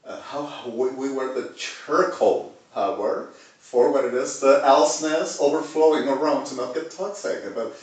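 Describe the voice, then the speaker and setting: A man from Argentina with an Argentine accent, talking in a rambling monologue that swings from low muttering to loud shouting. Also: slow. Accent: Argentine Spanish. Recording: very echoey room, far from the mic.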